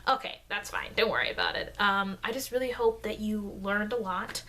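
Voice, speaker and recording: A woman improvises an ASMR roleplay as a rambling, friendly vampire lecturer, with halting, chatty asides meant to put her human listener at ease. Her tone is sharp yet close to an everyday voice, and her mood stays friendly and reassuring. A noisy, low-grade microphone captures it.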